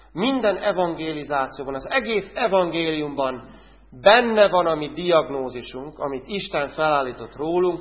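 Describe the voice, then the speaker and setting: A fairly high-voiced man preaches a sermon in a big hall with a long echo. He turns often to his listeners with direct questions, now loud and urgent, now hushed. The sound is a bit dull.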